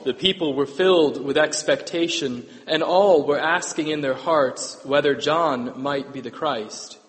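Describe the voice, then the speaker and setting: Male priest with a cathedral echo. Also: medium pitch. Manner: conversational, self-correcting, asks the congregation "right?". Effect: cathedral echo, long church reverb. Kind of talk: gospel reading and homily. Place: large church. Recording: long echoey church reverb.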